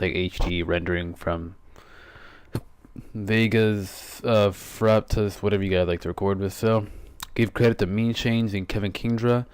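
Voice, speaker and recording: A man's voice: on the low side, a little mellow, clear, resonant tone, no room sound. A teenage boy casually commenting on an online game battle, rambling and correcting himself, a bit out of breath. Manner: rambling, self-correcting, quick asides. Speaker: gaming YouTuber.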